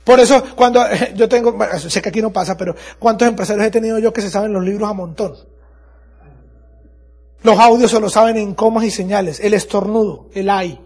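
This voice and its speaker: Male motivational speaker, high voice, husky, emphatic repeater. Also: steady tone, fairly quick, a little mellow. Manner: emphatic, repeats phrases, addresses audience. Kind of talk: motivational business talk.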